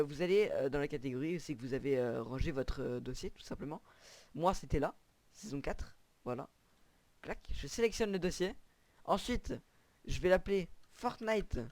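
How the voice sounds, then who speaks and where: A man's voice: a little high, darkish tone. A young man walking viewers through a computer setup in a casual, hesitant tutorial style, with frequent fillers. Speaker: tutorial creator. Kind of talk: screen-recorded gaming tutorial.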